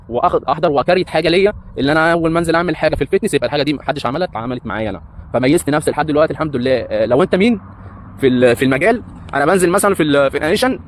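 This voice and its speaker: A medium-pitched male voice comes through with a little hiss or hum. The speaker is a breakdancer and hotel entertainer in his thirties, Egyptian Arabic accent audible, who rambles casually through his life story using lots of hesitant fillers.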